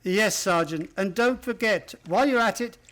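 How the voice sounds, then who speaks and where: Man playing a high-voiced, hearty old-school gentleman doctor. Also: moderate pace. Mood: hearty, admiring. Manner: exclamatory, hearty, old-fashioned. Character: Doctor Watson, genial old-school gentleman storyteller and loyal friend. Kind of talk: old-time radio play acting.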